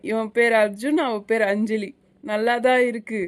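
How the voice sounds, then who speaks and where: A woman's voice: a little high, level tone, normal speed, voice pushed down, lightly acted. A woman putting on the voice of a teasing, gossipy older aunt for a cartoon.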